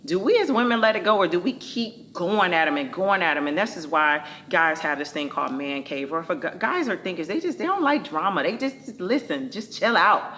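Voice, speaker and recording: Low voiced talk show lady, playful and outspoken, a bit of background hiss. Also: lively intonation, brisk, hardly any pauses, fairly bright tone. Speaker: host. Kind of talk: casual talk show chat.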